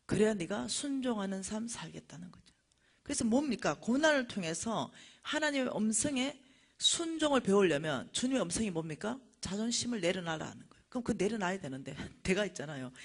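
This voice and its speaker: A middle-aged woman, lecturing at a church and telling a personal testimony with animated storytelling. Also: medium pitch, fairly quick, slightly rough. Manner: animated storytelling, acting out dialogue.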